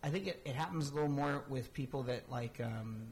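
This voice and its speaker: A man's voice: medium pitch, brisk, darkish tone. A man chatting casually as a podcast co-host, rambling with lots of fillers and restarts. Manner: rambling, filler-heavy, says "dude" and "you know" a lot. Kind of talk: casual chat.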